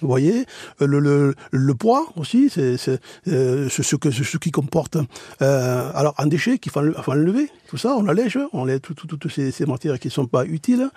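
Craftsman guest, mellow warm tone, dry mic, earnest, repeats himself. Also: on the high side, expressive, normal speed, breathy edge, dry recording. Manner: earnest, explains with many restarts. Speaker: tanner, radio guest. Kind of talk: radio interview.

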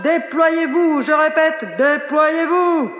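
A man's voice: very high voice, slow, a bit bright, long reverb tail, soft background music, full character voice. A man playing an immune system commander who barks urgent orders to his units like a police radio dispatcher, in a children's news sketch.

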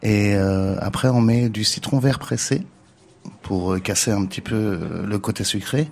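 A man's voice: on the low side, moderate pace, vocal fry, a little mellow. Man, bartender, explaining a cocktail, matter-of-fact, practical.

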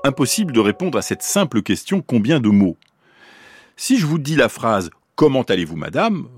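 A man's voice: medium pitch, sing-song, normal speed, breathy edge, no echo. A man explaining how babies learn words in a radio science talk, posing questions to the listener as he goes. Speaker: neuroscientist explaining the brain.

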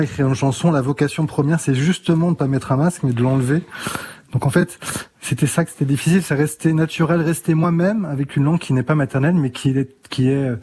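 A man's voice: mid-range voice, dark tone, breathy edge. A man, a musician guest on a radio show, talking reflectively and thinking aloud with restarts. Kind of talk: radio interview.

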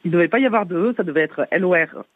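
A woman's voice: fairly low pitch, expressive, very fast, no room sound. A woman from Toulouse with a southern Toulouse accent, calling in to a radio show, chatty and giggling as she explains at length. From Toulouse, France. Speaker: caller. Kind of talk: phone-in chat. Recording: tinny phone line.

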